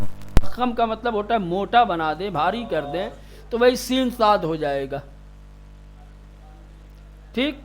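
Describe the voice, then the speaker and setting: A stern male recitation teacher with a noticeably high voice leads a classroom lesson. He draws out each letter sound slowly to demonstrate it and snaps at inattentive students. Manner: stern, scolds students sharply.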